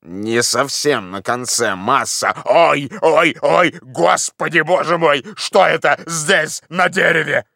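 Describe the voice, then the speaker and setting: A man voicing a timid, simple old male servant in an audiobook, calling down slowly and plaintively. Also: mid-range voice, expressive, a bit bright, no echo, studio quality. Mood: frightened. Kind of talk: audiobook character voice.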